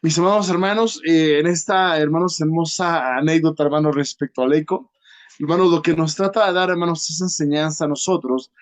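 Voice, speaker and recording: A man preaching a sermon as a guest preacher. He is earnest, constantly addresses the congregation directly, and leans on pauses and filler sounds. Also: a little high, fairly even intonation. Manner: peppers nearly every phrase with a direct address to the congregation.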